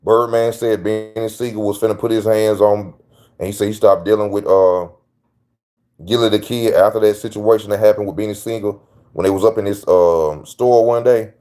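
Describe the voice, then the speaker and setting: A man's voice: lowish voice, fairly even intonation, normal speed, mellow, faint music behind. A man hosting his own channel, giving casual opinion commentary in a slangy, emphatic way that repeats his points. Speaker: channel host.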